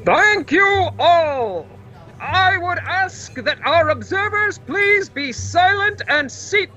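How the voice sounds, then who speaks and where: A game master, a woman, voicing a formal Senate speaker who announces the vote slowly and loudly in a magically amplified voice. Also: sits high, dull audio, voice pushed up, full character voice. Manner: loud, slow, drawn-out formal announcing.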